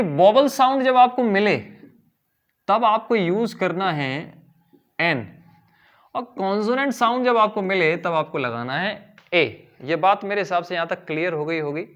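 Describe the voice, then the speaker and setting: A man's voice: high-pitched, fairly bright tone. A young male teacher with an Indian English accent explains grammar step by step, asking his class questions and answering them himself. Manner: drawls English phrases slowly for emphasis. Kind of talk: classroom lesson in Hindi mixed with English.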